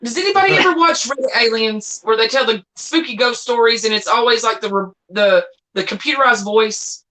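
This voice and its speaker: Playful, bright-voiced woman chatting live. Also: a little high, low-quality recording. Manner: playful, teasing, quick to laugh. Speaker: co-host of a live chat. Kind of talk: casual joking chat.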